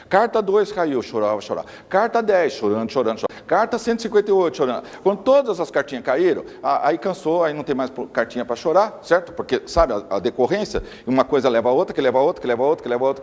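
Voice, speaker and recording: Male lecturer, lively pitch, insistent and repetitive delivery, reverberant hall. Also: fast talker, hardly any pauses. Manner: emphatic, repeats words for stress.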